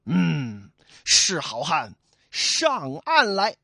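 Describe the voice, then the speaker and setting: Guy putting on a loud rough outlaw, bellowing high and wild, dry close sound. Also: huge pitch swings, very slow, dry recording, exaggerated voice. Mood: huffy. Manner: blustering, shouting. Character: hot-tempered burly male outlaw, rough and loud.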